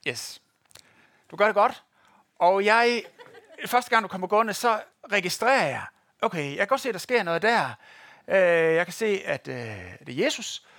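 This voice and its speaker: Preaching in church, a man addresses the congregation directly and tells stories while demonstrating something live as part of his sermon. His expressive voice is high and a bit bright, with no echo.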